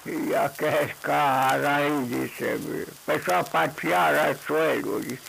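Gravelly high-voiced man telling a tale. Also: steady tone, takes it slowly, fairly bright tone, slight background noise, poor audio. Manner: rambling, constant 'I tell him, he says' asides. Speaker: storyteller. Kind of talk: casual oral storytelling.

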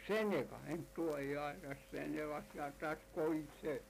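A man's voice: on the high side, fairly even intonation, normal speed, vocal fry, slight background noise, rough recording. A man telling a folk tale aloud in a repetitive, oral storytelling manner. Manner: repetitive, full of "dice" and "le dijo".

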